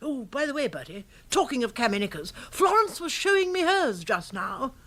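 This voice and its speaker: An actress playing a hearty, boisterous middle-aged aunt in a radio comedy, bossy and exclamatory with an upper-class English accent. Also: female voice, high-pitched, sing-song, moderate pace, fairly bright tone, full character voice. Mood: gleeful. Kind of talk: radio comedy drama acting.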